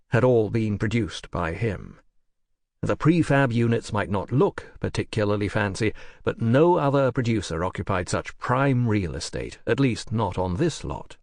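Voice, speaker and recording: A man narrating an audiobook in a measured, wry and precise manner, recorded close in a studio. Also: on the low side, no room sound.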